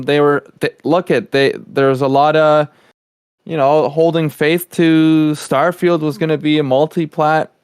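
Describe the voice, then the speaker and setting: Smooth-voiced male podcast co-host. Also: a little high, no echo, clean studio sound. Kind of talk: casual podcast chat.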